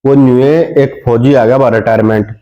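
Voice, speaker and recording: A man's voice: medium pitch, fairly even intonation, moderate pace, highs cut off. A man with a Haryanvi accent telling comic village stories in dialect, slipping into sing-song voices for the people in his jokes. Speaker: comedian.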